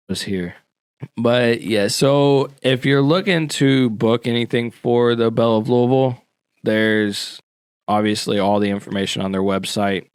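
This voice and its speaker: A man's voice: fairly low pitch, clean tone, dry recording, studio quality. A man co-hosting a casual local podcast, laid-back and full of slang and fillers as he explains history. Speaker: podcast co-host.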